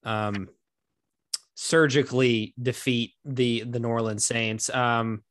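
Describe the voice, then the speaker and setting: A man's voice: medium pitch, steady tone, slow, fairly bright tone, no echo. A man hosting a casual podcast chat, leading the panel and calling on his co-hosts by turn. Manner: leads the panel, calls on co-hosts. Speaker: podcast host.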